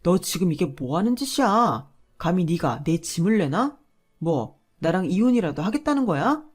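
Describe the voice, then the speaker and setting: A woman's voice: lowish voice, big pitch swings, moderate pace, a little mellow. A woman voicing a selfish young husband who argues back in a dismissive, sneering way. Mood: angry.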